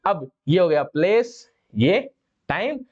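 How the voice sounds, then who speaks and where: A man's voice: sits high, very animated, takes it slowly, highs cut off. A man from India teaching English grammar to a class, explaining step by step and repeating his own questions before answering them.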